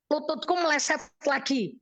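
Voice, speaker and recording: Woman, middle-aged, Javanese accent, radio counselor, lively storyteller, slightly high voice. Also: normal speed, no room sound. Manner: animated storytelling, acts out her own quoted words. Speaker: evangelist counselor. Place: radio studio.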